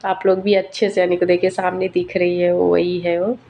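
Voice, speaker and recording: A woman's voice: on the low side, flat delivery, normal speed, mellow. A young woman vlogger and mother, narrating casually in a chatty storytelling way. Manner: chatty, storytelling, laughs often.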